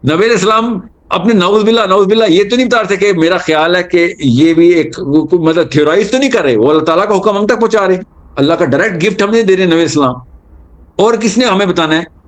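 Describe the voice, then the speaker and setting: Man, religious speaker, animated storytelling, mixes in English, fairly high voice. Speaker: Islamic speaker. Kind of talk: religious talk.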